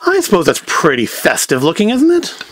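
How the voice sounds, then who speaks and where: With a high, slightly bright voice whose pitch swoops wildly, a man talks at a moderate pace while hosting a homemade food review, cooking and musing aloud in a wry, self-doubting way. The home setting shifts from a table to a kitchen, and a faint hiss or hum runs under the audio.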